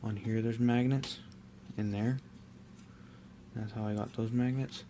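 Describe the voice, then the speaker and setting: A young man casually talking through his hobby work, rambling and relaxed with many fillers and restarts. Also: lowish voice, a little slow, noisy background. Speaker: miniature painter.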